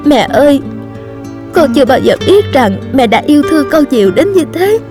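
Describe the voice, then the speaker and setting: A woman's voice: sits high, big pitch swings, moderate pace, music in the background, voice pushed up. A woman voicing a remorseful teenage daughter pleading tearfully with her mother.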